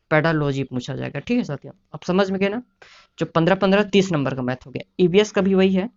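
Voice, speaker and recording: A man explaining exam preparation in a casual lecture, often repeating "है ना" and "साथियों". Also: high voice. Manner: repetitive, keeps adding "है ना" and "साथियों". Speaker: exam prep teacher. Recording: dull lo-fi sound.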